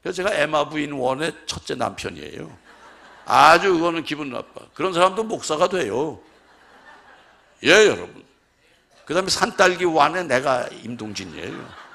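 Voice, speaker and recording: Older guy pastor doing a testimony, gravelly voice, big swings loud to hushed. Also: on the high side, moderate pace, pauses often. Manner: animated storytelling, voicing his wife and others in dialogue. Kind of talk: testimony sermon.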